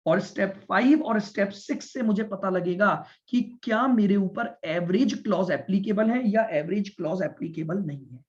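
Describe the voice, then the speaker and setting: High-voiced male commerce teacher lecturing. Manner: explains step by step, repeats points and checks understanding with students; speaks deliberately and stresses listening. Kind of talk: classroom lecture. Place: classroom with students. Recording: dull lo-fi lecture recording.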